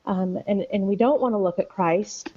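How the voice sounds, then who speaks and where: A woman's voice: mid-range voice, normal speed, mellow, husky. A woman co-hosting a faith-based talk show, earnest and reflective, explaining her views like a short sermon. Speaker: podcast co-host and author. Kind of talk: casual faith-based chat. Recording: slightly muffled audio.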